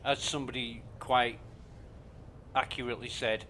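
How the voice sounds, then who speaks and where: A man's voice: medium pitch, fairly even intonation, moderate pace, sharp tone, a little hiss or hum. A male streamer grumbling and swearing to himself while giving casual commentary on his gameplay. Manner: talks to himself while playing. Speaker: game streamer.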